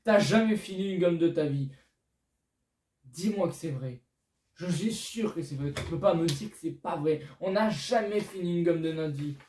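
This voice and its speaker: A man's voice: a little high, normal speed, darkish tone, far from the mic, slight background noise. A young man vlogging casually to his viewers, chatty and self-mocking, recorded in an echoey room some way from the mic. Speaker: YouTuber. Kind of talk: casual vlog talking to viewers.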